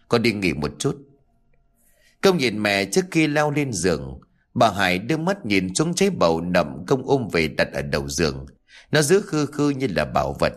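A man reading a ghost story aloud with dramatic, expressive scripted narration. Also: on the low side.

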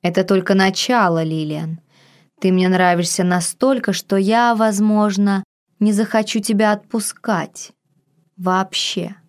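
A woman reading an audiobook, voicing a possessive, seductive man with a low, husky voice in slow, hushed, drawn-out lines. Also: steady tone, lightly acted. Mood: commanding.

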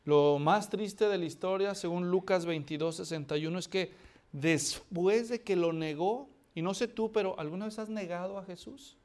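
A man's voice: high-pitched, moderate pace, darkish tone. A male pastor delivering a dramatic sermon, acting out scripture and firing rhetorical questions at the congregation.

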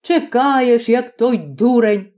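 Woman doing an impatient excitable man. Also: on the high side. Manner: quick, exclaiming.

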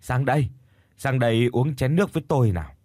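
Story figure: man playing a frail, slow old village woman, hard of hearing, halting and confused, dry close sound. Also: medium pitch, animated, darkish tone, dry recording, close to an everyday voice.

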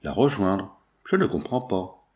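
A man's voice: deep voice, big pitch swings, a little slow, a little mellow. A man voicing a young noblewoman in an audiobook, pleading and pressing with questions. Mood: anxious. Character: young noblewoman, hurt and insistent. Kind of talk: audiobook character voice.

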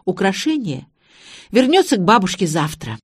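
A wry, calm professor explains things drily in an audiobook scene, voiced by a woman narrator. His tone is level and ironic. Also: medium pitch, moderate pace, husky, dry recording, clean studio sound. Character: dry ironic man, a professor.

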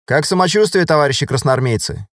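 A male audiobook reader voicing a confident young lieutenant who talks briskly and wryly. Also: a little high, animated, a bit bright, dry recording, clean studio sound, voice pushed up. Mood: commanding. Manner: brisk, commanding, wry.

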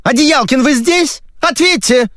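A man's voice: extremely high pitch, measured pace, fairly bright tone, dry recording, studio quality, pitched above the performer's own voice. A man voicing a pushy young woman from a TV show who shrieks down the phone. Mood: shrill, insistent. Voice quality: shrieking, insistent.

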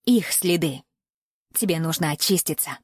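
A woman's voice: low-pitched, animated, moderate pace, slightly rough, no echo, studio quality. A woman voicing a menacing male captor who speaks in a falsely tender, self-pitying croon, sometimes dropping to a whisper. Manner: soft crooning, at times whispering.

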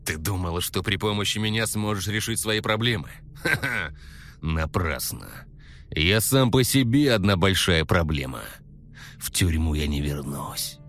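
A man reading a story aloud, voicing a cocky young man who poses as a creepy maniac and talks in quiet, menacing, whispery tones with sinister chuckles. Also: low voice, unhurried, slight background noise.

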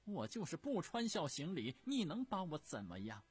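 A male storyteller voicing an imperious, furious old empress dowager who scolds in a shrill, haughty voice. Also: sing-song, unhurried, faint music behind.

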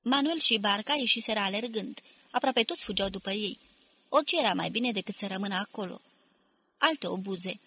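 A woman narrating a novel in a steady, measured audiobook reading. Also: medium pitch, slightly rough. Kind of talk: scripted literary narration.

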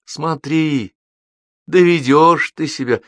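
A woman's voice: sits low, slow pace, a bit bright, no echo, studio quality, pitched above the performer's own voice. A man voicing a doting, worried elderly mother who scolds tenderly. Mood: fussing. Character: fussing, caring elderly mother, a woman.

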